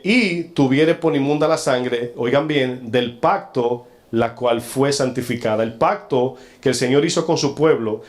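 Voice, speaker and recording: With a mid-range voice, a male preacher confronts his congregation sternly, posing rhetorical questions. His delivery slows whenever he reads from scripture.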